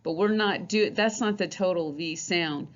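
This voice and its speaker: A woman teaching a phonics lesson, patiently repeating each letter sound and explaining how the mouth forms it. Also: lowish voice. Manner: slow, patient, repeats sounds many times. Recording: dull lo-fi recording.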